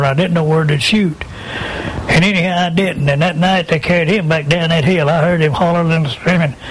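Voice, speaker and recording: A man's voice: fairly high pitch, a little hiss or hum, rough recording. An elderly American man, an old veteran remembering the war in plain, folksy, repetitive phrases. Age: 80s. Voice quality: creaky aged voice.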